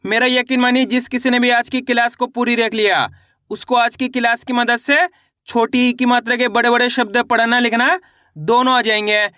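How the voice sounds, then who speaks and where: A man's voice: very high-pitched, flat delivery, normal speed, bright, forceful tone, no echo, studio quality. A man teaching a beginner class, asking questions and answering them himself, over and over. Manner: repetitive, asks and answers own questions. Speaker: Hindi teacher. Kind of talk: online lesson.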